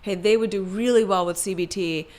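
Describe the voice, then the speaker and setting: This psychiatrist guest, a young adult woman from Maryland, United States, speaks in an interview casually and thoughtfully, filling in with many fillers and correcting herself often. Her voice is mid-range and darkish, with fairly even intonation and a fairly quick pace.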